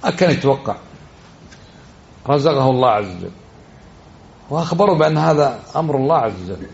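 A man's voice: mid-range voice, animated, brisk, creaky, a little mellow, dull audio. A man giving a religious lesson, exhorting his listeners and often asking them questions. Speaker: religious teacher.

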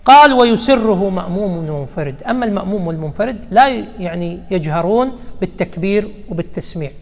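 A man delivers a religious lesson in a high, gravelly voice. He explains patiently and circles back to repeat the important terms. The recording rings with a long reverb, as in a big hall. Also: lively intonation, fast talker. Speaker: religious teacher.

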